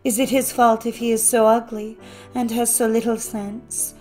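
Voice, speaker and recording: A woman's voice: fairly high pitch, flat delivery, normal speed, a little mellow, soft background music, voice pushed up, lightly acted. A woman voicing a kind-hearted young heroine in an audiobook fairy tale; she speaks earnestly and pleadingly. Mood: remorseful.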